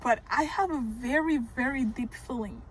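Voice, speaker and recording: A young woman recapping a reality show in a casual vlog, animated, laughing often and shrieking in disbelief. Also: fairly high pitch, moderate pace, slightly rough, poor audio. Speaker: reaction vlogger.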